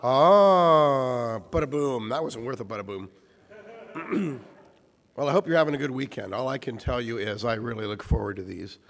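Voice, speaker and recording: A man recovering from voice loss reads a prepared history lecture to an audience, his voice hoarse and croaky, and he frequently clears his throat. His phrasing is formal and wordy, with medium pitch, normal speed, and a fairly bright tone. He presents in a large, echoing room with a screen, and the hall sound is reverberant.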